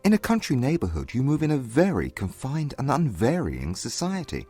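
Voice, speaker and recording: Audiobook role: aloof, disdainful young gentleman, played by a woman, lowered husky voice, formal delivery. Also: huge pitch swings, moderate pace, faint music behind, heavily acted.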